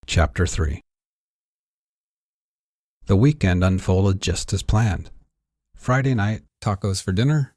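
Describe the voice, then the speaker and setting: Reading his own story, an author narrates fiction in a scripted audiobook style. His low voice has a husky, slightly rough grain and is a little mellow. The recording is dry, with no room sound.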